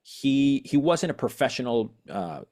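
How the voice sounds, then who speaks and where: Speaking at a measured pace in a very animated, mid-range voice with a darkish tone, a man from Venezuela chats as a musician guest on a podcast. The conversation is a casual interview, and he rambles keenly, full of fillers and false starts.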